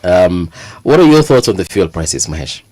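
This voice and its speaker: A man's voice: low-pitched, very animated, moderate pace, mellow, no room sound. A man with a Kenyan accent hosting a morning radio show in the studio, chatty and playful with his guests. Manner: playful banter, mixes in Swahili phrases. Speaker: radio host. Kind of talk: casual chat.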